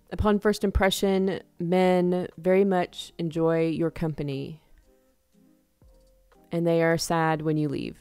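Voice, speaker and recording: Tarot reader, woman, low smooth voice, chatty with frequent laughs, dry close sound, soft music underneath. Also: no room sound. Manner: chatty, laughs often, acts out quick examples. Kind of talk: casual tarot reading to camera.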